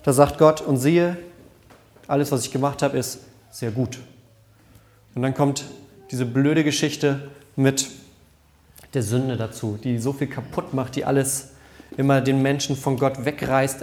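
A man's voice: mid-range voice, darkish tone. A pastor preaching a sermon at a church service, earnest and conversational, often repeating his phrases.

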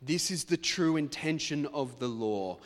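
A male pastor preaching a sermon in a conversational, self-deprecating way, with quick asides to the congregation. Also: fairly high pitch, expressive, long reverb tail. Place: church.

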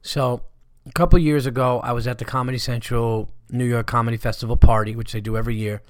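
Male podcast host, comic type: stuffy-nosed allergy voice, mid pitch, dry close sound, loose casual rambling. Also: fairly even intonation, fast, no room sound. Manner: rambling, conversational, swearing freely. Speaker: stand-up comedian hosting a podcast.

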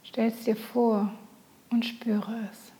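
Slow, soft whispering woman guiding meditation. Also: fairly high pitch, little pitch movement, poor audio. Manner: soft, breathy near-whisper; gentle, soothing, unhurried. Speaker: meditation guide. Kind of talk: guided meditation.

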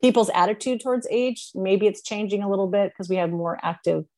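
A woman's voice: mid-range voice, a little fast, a little mellow. A woman in her sixties hosting a podcast, talking in a chatty, reflective way with many fillers. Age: 60s. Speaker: podcast host. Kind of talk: casual interview chat.

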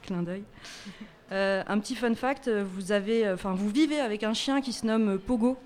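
A woman co-hosting a podcast before a live audience, introducing guests with playful, deadpan teasing. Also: mid-range voice, normal speed, slight background noise. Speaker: podcast co-host.

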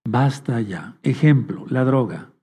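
Male preacher, very dark husky voice, pastoral sermon delivery. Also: medium pitch, animated, slow. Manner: pastoral, addresses listeners as brothers, acts out inner voices.

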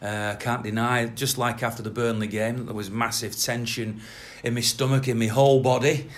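A man's voice: mid-range voice, little pitch movement, moderate pace. A man presenting a football podcast in a rambling, conversational way.

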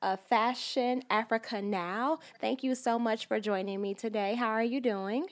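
A woman's voice: a little high, fairly even intonation, measured pace. A woman hosting a podcast interview in a casual, friendly way, with short affirmations between her guest's answers. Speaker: podcast host.

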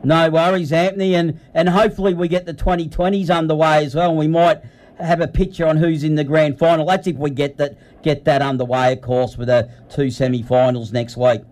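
A man's voice: fairly high pitch, little pitch movement, a little fast, darkish tone. An Australian man hosting a sports radio show, interviewing in a casual, matey, conversational way.

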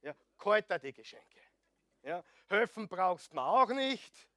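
A middle-aged man preaching a sermon, joking with the congregation and swinging between loud emphasis and hushed asides. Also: high voice, big pitch swings, unhurried, no echo, clean studio sound. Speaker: pastor.

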